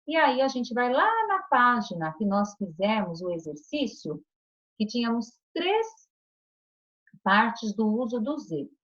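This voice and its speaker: A woman teacher records an online lesson for young children. Her voice sits a little high and swings widely up and down as she coaxes them along, checking in with short questions. The sound is dull and lo-fi. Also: very animated, unhurried, fairly bright tone. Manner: patient, coaxing, speaks to children with many tag questions. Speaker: primary school teacher.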